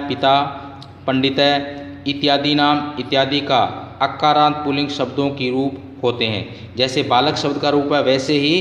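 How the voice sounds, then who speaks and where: A man teaching a class of children, giving patient instructions and slowly chanting word forms over and over. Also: mid-range voice, a bit bright, highs cut off. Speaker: school teacher. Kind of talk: recorded online lesson. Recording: echoey room with long reverb.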